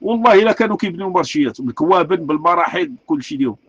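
A man's voice: a little high, animated, very fast, breathy edge, no echo, highs cut off. A man with a Moroccan Arabic accent, delivering an angry, repetitive rant full of rhetorical questions. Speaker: street artist speaking out. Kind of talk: impassioned rant.

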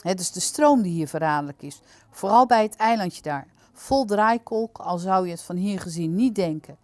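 A woman's voice: lowish voice, animated, moderate pace, a little mellow, no echo, natural voice. A woman voicing a stern, lecturing middle-aged male guard in a storybook reading.

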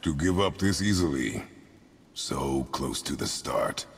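A grim warrior father from a video game, with an extremely deep, gravelly voice. He speaks in terse commands. A long reverb trails his words over soft game music. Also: lively intonation, unhurried, full character voice. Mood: stern.

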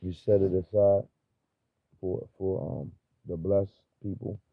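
Deep gravelly man preaching over a tinny line. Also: fairly even intonation, no echo. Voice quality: stutters. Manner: halting, many fillers and restarts. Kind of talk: informal freestyle preaching. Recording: tinny phone-like, dry.

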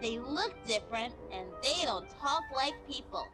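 A woman's voice: high voice, very animated, moderate pace, over loud music, poor audio. A woman voicing a cheery, bossy little girl who hosts a children's cartoon in a horror game, sing-song and addressing young viewers. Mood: explaining.

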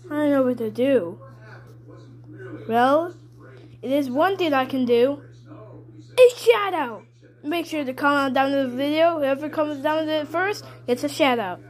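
A performer voicing an excitable toddler boy, Baby Mario, in a childish, rambling way. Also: high-pitched, a little slow, long pauses. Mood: playful. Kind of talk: fan puppet video voice acting.

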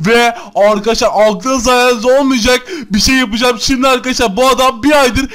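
Rapid, high-voiced excitable gaming man. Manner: excitable, keeps addressing the viewers. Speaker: gaming YouTuber. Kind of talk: Minecraft gameplay commentary.

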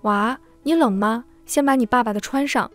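A frightened, mentally ill mother, as a woman narrator voices her speaks slowly and timidly, her fairly high voice tender and close. Soft music plays faintly behind this storybook reading. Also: no room sound, close to an everyday voice. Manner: timid, slow, tender pleading.

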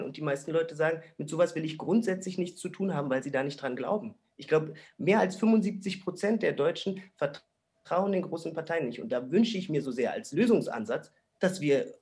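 A young man speaks earnestly on a video call, gesturing as he makes his point. His voice sits a little high for a man. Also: darkish tone. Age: young adult. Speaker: panel guest, party founder. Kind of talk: online panel discussion.

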